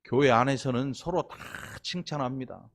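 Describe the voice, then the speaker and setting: A middle-aged man from the region preaching a sermon, chatty and teasing, tossing quick questions and asides at the congregation. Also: mid-range voice. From Honam region of Korea. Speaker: pastor.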